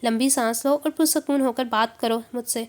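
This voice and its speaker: A woman's voice: on the high side, steady tone, lightly acted. A woman reading the part of a patient married woman who speaks in a soothing, reasonable way. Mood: calm. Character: calm, patient married woman, gently firm.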